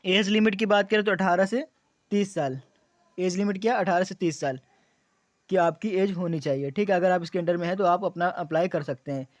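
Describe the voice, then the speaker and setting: Walking students through exam details, a young man who coaches on YouTube repeats the main points in question-and-answer form, leaning on fillers often. His high-pitched voice moves a little fast, and the recording is dry.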